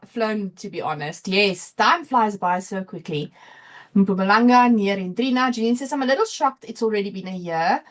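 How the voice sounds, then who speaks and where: A South African woman hosting a casual livestream, chatty and thinking aloud as she reads out viewer comments. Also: medium pitch. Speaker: livestream host and crafter. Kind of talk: casual live chat, reading out viewer comments.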